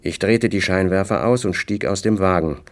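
A man reading a novel aloud in the first person, with measured, dry storytelling. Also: deep voice. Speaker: audiobook narrator. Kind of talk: scripted first-person narration.

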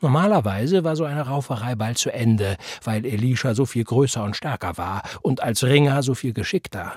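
A man reading a literary novel aloud as narrator, in a measured, even storytelling manner. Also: medium pitch, husky, no echo. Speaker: audiobook narrator. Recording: dry close studio recording.

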